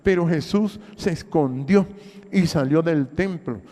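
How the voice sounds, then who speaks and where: In an unhurried sermon, an older pastor with Honduran Spanish speech leans on rhetorical questions and repetition, his voice climbing to loud bursts and falling to quiet murmurs. The hall adds a long reverb.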